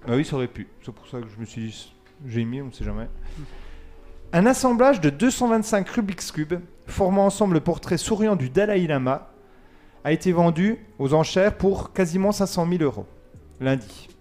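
A man with a somewhat high voice runs a casual quiz segment on the radio. He reads each question and its lettered answers, counts down from three, then chats loosely with his co-hosts about the results. Soft music plays faintly behind him. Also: lively intonation, normal speed. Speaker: quiz host.

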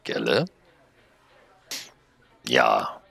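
A man's voice: very deep voice, very animated, extremely slow, creaky, bright, forceful tone, slightly rough, dry recording. A man hosting his channel, chatting casually and hesitantly with many fillers before and after reading a story aloud. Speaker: channel host reading stories.

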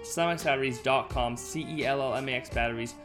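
A man's voice: medium pitch, fairly quick, music in the background. A man, a podcast host, delivering a scripted hard-sell sponsor ad.

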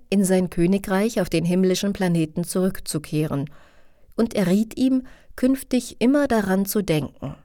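Woman narrating a devotional text, low and mellow. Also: no room sound, studio quality. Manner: even, reverent reading. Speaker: audiobook narrator. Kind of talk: scripted narration of a religious text.

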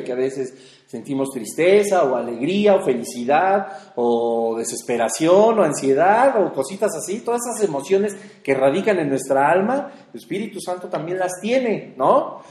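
A man gives a teaching sermon in a loose, conversational way, mixing fillers with emphatic rises. His voice sits a little high for a man. The room is echoey. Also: darkish tone. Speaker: preacher.

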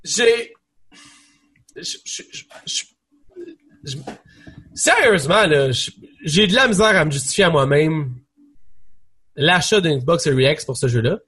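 A young man with a Quebec French accent, co-hosting a casual gaming chat, rambling and animated with many restarts. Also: on the high side, unhurried, pauses often, breathy edge. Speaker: podcast co-host.

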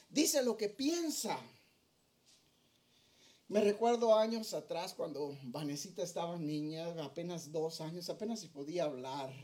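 A man's voice: high-pitched, a little mellow. A middle-aged male pastor preaching a sermon, earnest and storytelling as he addresses his congregation.

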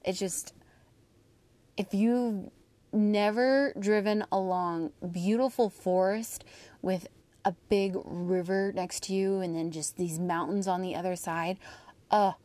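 A woman's voice: mid-range voice, steady tone, slow pace, dark tone, no room sound. Chatty American woman in a dry recording. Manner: chatty, informal, candid, breaking into asides. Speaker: host of a personal audio diary podcast. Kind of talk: casual personal monologue.

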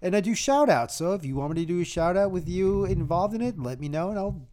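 Rambling man with a higher voice. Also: animated, fast talker, darkish tone. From United States. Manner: rambling, repeats words, laid-back. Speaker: podcast guest. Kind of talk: casual chat.

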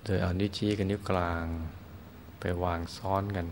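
Low-voiced man guiding meditation, noisy recording. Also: flat delivery. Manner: gentle, soothing, with long pauses between short phrases. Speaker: Buddhist meditation teacher. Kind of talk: guided meditation instruction.

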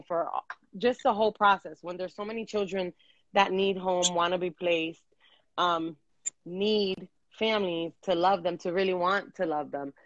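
A low-voiced woman co-hosting a chat show from her end of a video call. She talks earnestly and rambles, circling back on herself with plenty of "um"s. The sound is dry and a little dull, like lo-fi call audio. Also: no echo. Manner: earnest, rambling with many fillers and restarts. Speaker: podcast co-host.

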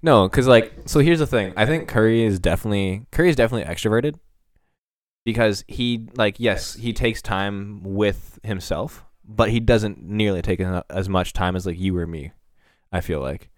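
A young man with a fairly low voice talks through ideas in a loose, rambling way. He co-hosts a casual podcast chat and leans on plenty of filler words as he explains. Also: moderate pace. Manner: explains at length with many fillers. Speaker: podcast host.

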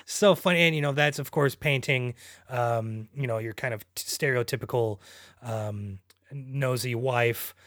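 A man's voice: mid-range voice, a little slow, a bit bright, dry recording, studio quality. Hesitant man discussing a film. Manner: hesitant, many ums and restarts. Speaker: podcast co-host.

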